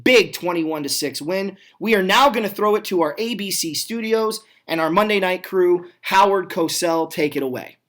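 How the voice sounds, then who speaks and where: A man narrating old football footage in casual, conversational play-by-play, speeding up in quick, energetic bursts. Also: high-pitched. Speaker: retro football video narrator.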